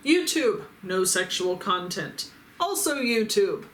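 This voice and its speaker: Very animated yet slow, her medium-pitched, slightly bright voice carries the Midwestern American accent as she reads viewer comments aloud, bluntly and sarcastically, swearing at will. The adult toy reviewer's vlog has roomy echo, faint ambience and slight background noise.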